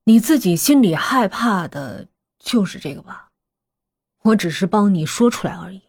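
A woman's voice: mid-range voice, lively intonation, moderate pace, darkish tone, slightly rough. A woman doing a blunt, needling young man. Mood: mocking.

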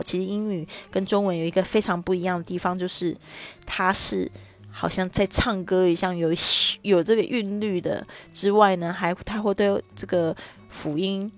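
A woman with a low voice teaches English phrases, explaining patiently and slowing down to spell out each example word. She often asks rhetorical questions. Faint music plays behind her. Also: darkish tone. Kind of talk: online language lesson.

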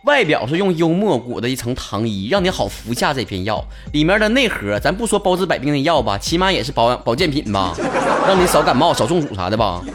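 A man's voice: medium pitch, very animated, fairly quick. A man with a Northeastern Chinese accent hosting a comedy talk show, joking colloquially through listener messages and firing off rhetorical questions. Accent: Northeastern Chinese (Dongbei). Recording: loud music bed under the voice. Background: loud music.

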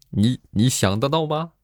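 A man's voice: medium pitch, slow pace, over loud music. A middle-aged man hosting a joke show, telling funny stories in a monologue and acting out the voices in them. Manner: animated storyteller who acts out quoted voices.

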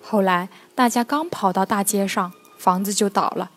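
A woman's voice: mid-range voice, normal speed, faint music behind, natural voice. A woman voicing a kind, patient mother goat in a children's storybook reading, speaking in a soothing, coaxing way.

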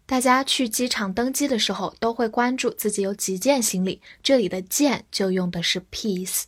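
A woman teaching English vocabulary in a scripted lesson, speaking slowly and clearly and spelling out each word letter by letter. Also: a little high.

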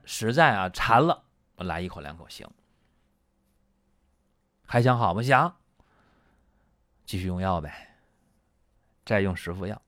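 A man's voice: low-pitched, vocal fry, no room sound, studio quality. Chatty man lecturing on medicine. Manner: chatty storytelling with many "啊" and "对吧" asides. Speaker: traditional Chinese medicine doctor. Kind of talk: lecture on case studies.

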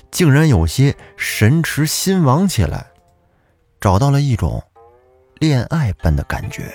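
A man's voice: medium pitch, darkish tone, breathy edge, dry recording. A man narrating a folk tale as storyteller host, chatty and turning to address his listeners.

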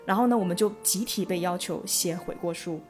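A woman co-hosting a casual podcast, telling a childhood story in a lively way and laughing often. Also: on the low side, fairly quick, faint music behind. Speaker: podcast co-host.

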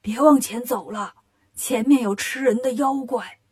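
A woman voicing a frightened, kindly old grandfather in a children's storybook tale, speaking slowly and softly. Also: fairly high pitch, husky. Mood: fretful.

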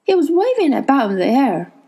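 A woman voicing a steady, protective boy of about twelve who speaks in quiet, firm tones in a storybook reading. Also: high voice, fast, voice pushed up.

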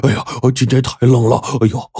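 A man's voice: mid-range voice, level tone, a little fast, mellow, breathy edge, no echo, studio quality. A man voicing a crazed young male thug who laughs wildly and begs in terror. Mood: manic. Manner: manic laughter and frightened pleading.

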